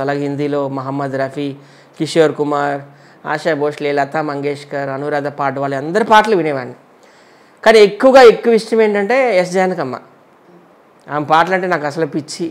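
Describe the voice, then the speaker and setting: A man from Andhra Pradesh, an entertainer, chatting casually in an interview and giving blunt, quick one-line verdicts. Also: fairly high pitch.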